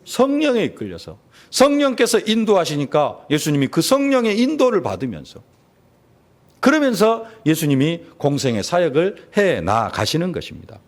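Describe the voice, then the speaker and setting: Male pastor, fairly high voice with big swings, emphatic sermon delivery. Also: huge pitch swings, moderate pace. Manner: emphatic preaching with rising peaks and drops, blessing formulas, rhetorical questions. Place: church sanctuary.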